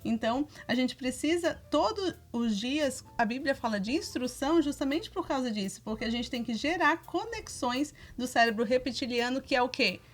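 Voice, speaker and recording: Lively high-voiced woman. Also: moderate pace, few pauses, soft background music. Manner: animated, acts out quoted dialogue with her children. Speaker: co-host.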